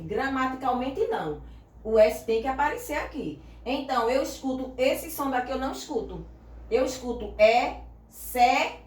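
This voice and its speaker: A woman teacher, patiently explaining grammar, spelling letters out slowly and asking if the class understood. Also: a little high, a little mellow. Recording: echoey room, voice from far off.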